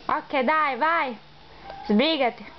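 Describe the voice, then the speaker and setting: An extremely high, cartoonish voice of an impatient young captive acted out in a fan dub, with a thick Sicilian accent. It pleads and exclaims in everyday dialect. The recording is muffled and hissy, like a homemade dub. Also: drawn-out words. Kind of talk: amateur comic dialect dub of animated film. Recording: dull lo-fi noisy home dub.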